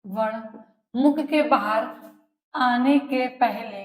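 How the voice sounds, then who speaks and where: A woman teacher giving a lesson, repeating each phrase slowly for students to write down and answering her own questions. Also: on the high side. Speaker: Hindi teacher. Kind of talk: classroom lesson, dictating notes. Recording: echoey room.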